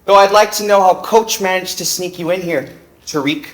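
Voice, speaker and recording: On a theater stage, an actor with a high-pitched voice plays a cocky, tired young male fencer, speaking at a moderate pace with light acting. His character teases flippantly and probes.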